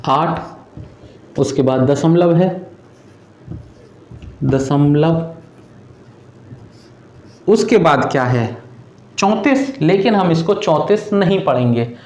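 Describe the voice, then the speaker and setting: Slow-talking teacher, high voice. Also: male voice, darkish tone, reverberant. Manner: patient, repeats steps, addresses students as "beta". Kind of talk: classroom math lesson.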